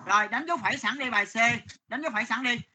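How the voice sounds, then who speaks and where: A man teaching math to a class, stern and scolding, dictating numbers slowly. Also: very high-pitched, pushed and bright, a little hiss or hum.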